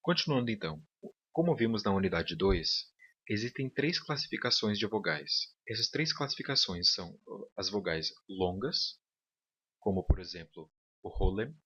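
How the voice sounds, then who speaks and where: A man's voice: fairly low pitch, expressive, moderate pace, bright, forceful tone, husky. A man teaching a recorded online lecture, explaining step by step and often checking in with his students. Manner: patient, checks in with "tá bom?". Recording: dull lo-fi audio.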